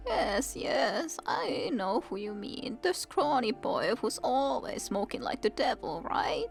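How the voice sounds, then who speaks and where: A woman voicing a chatty, grumbling elderly cleaning lady in a video game, weary and ailing, with a breathy, wheezy voice. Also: a little high, sing-song, takes it slowly, soft background music, voice pushed up, exaggerated voice. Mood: amused, knowing.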